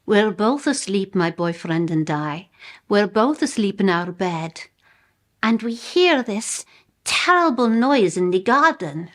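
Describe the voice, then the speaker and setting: Casting: actress as bemused female storyteller, Polish accent, comic monologue, unhurried and deliberate, medium pitch. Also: big pitch swings. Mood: storytelling. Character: bemused woman telling an absurd personal anecdote. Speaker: monologue performer.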